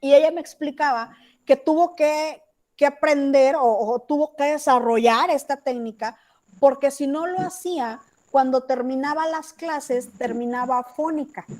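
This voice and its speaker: High-voiced Mexican woman teaching on a video call. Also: moderate pace, darkish tone. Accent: Mexican Spanish. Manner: chatty, asks checking questions. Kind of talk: online class lecture.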